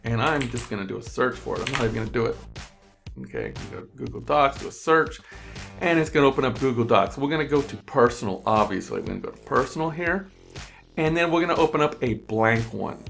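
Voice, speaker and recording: A man's voice: medium pitch, animated, fast, gravelly, a bit bright, faint music behind. Man walking through a screen tutorial. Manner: step-by-step, repetitive explaining. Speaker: online tutorial presenter. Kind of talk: screen-recorded tutorial walkthrough. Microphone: USB desk microphone.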